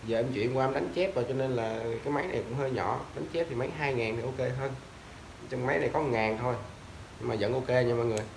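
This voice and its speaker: Sitting on a tiled floor in an echoey room, a young man loosely shows off used fishing reels and rods to the camera, chatting casually, fumbling for brand names, and often calling out to viewers. He talks fast in a gravelly, medium-pitched voice over background noise.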